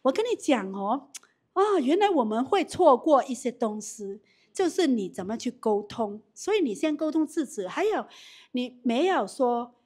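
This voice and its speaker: Woman w/ doing a live sales training, bit high voice, lively, keeps quizzing the crowd. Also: normal speed. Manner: animated, repeats questions to the audience, frequent restarts. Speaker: business trainer. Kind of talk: live training talk with audience Q&A.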